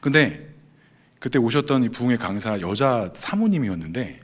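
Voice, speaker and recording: A man's voice: medium pitch, lively intonation, normal speed. A male pastor giving a sermon testimony, acting out his own past prayers and thoughts as he tells the story.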